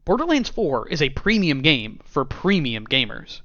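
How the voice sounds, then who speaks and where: A man's voice: on the high side, very animated, moderate pace, bright, forceful tone, no echo. A man co-hosting a gaming podcast in casual chat, laughing often and reading quotes aloud. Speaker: podcast co-host. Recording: dull dry podcast mic.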